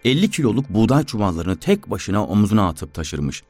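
A man narrating a written story with an expressive storytelling delivery. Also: fairly low pitch, fairly quick. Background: faint instrumental music.

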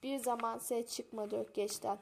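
A woman narrating a humorous village tale aloud, in a voice pitched a little high. She reads at an easy storytelling pace and moves lightly between narration and dialogue. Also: level tone, measured pace, vocal fry, slight background noise.

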